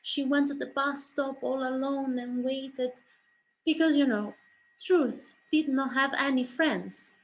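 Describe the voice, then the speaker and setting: This non-native English speaker, a writer and director, recounts a story to an audience with theatrical flair, voicing the dialogue herself. She speaks slowly in a high-pitched voice with fairly even intonation, and the recording is rough.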